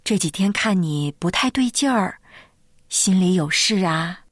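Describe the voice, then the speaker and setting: A woman voicing a gentle, caring female friend who speaks softly and soothingly. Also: lowish voice, expressive, unhurried, dry recording, studio quality. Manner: soft-spoken, soothing.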